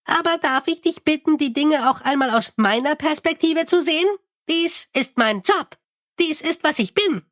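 A man voicing a tiny, fussy, eager male imp with a high chirpy voice, in an audiobook reading. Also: normal speed, fairly bright tone. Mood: eager chirping.

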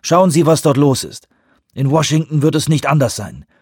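A man's voice: a little high, expressive, moderate pace, husky, no room sound, clean studio sound, voice pushed up. Man doing a brusque, combative CIA director. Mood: forceful. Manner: brusque, forceful.

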